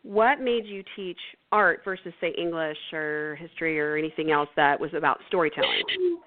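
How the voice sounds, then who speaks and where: Woman, interview host, lowish voice, friendly, encouraging, tinny phone line. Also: big pitch swings, normal speed. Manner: friendly, encouraging with short back-channel replies. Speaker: radio interviewer. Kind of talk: casual interview.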